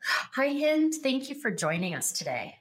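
A woman's voice: high voice, very animated, measured pace, a bit bright, soft background music. A woman hosting an interview, asking questions and reflecting in a conversational, thoughtful way. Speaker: host, interviewer.

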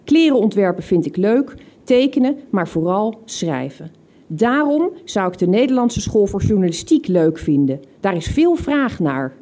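Reading from her teenage diary, a woman with a soft, mellow, mid-range voice takes a reflective, unhurried pace. Her pitch swings widely, and small amused laughs escape at what her younger self wrote.

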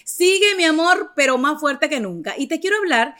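A woman's voice: high-pitched, expressive, normal speed, bright, forceful tone. A woman in her forties hosting a podcast, chatting playfully with a friend and laughing often. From Venezuela. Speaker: podcast host. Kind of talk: casual chat.

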